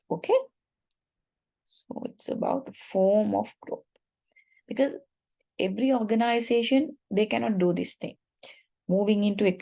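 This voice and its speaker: Gravelly Sri woman lecturing. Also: mid-range voice, warm tone. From Sri Lanka. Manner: explanatory, repeats phrases, checks in with "right?". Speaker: university lecturer. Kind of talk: online lecture. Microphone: computer mic on a video call.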